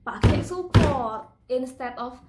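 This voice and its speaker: A woman's voice: high-pitched, animated, takes it slowly, reverberant, very noisy. A woman teaching singing in a casual, chatty way, breaking into operatic phrases to demonstrate.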